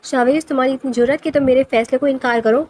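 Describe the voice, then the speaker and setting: A woman's voice: sits high, fairly even intonation, a little mellow. A woman voicing an angry, domineering grandfather who heads the clan, speaking in a firm, final way in a storybook reading. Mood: stern commanding. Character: stern old male clan patriarch, commanding.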